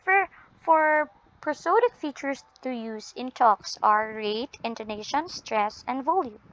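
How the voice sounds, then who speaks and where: A woman teacher with a Filipino accent giving an English lesson, drawn out and deliberate, often ending points with a questioning "no?". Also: high-pitched, expressive. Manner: ends points with tag "no?". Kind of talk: classroom lesson. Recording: dull lo-fi audio.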